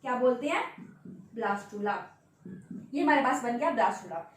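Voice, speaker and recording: Lecturing at a board as in a class, a female biology teacher repeats key terms as questions and answers them, often engaging students with "है ना" and "ठीक है." Her voice sits high, expressive and quick-paced. She is recorded off-mic from a distance in a very echoey room.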